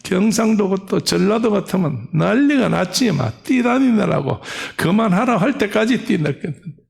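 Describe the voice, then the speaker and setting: Gravelly-voiced Korean pastor preaching. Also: male voice, high voice, moderate pace. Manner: animated, acts out old women's dialect voices. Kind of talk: sermon with storytelling.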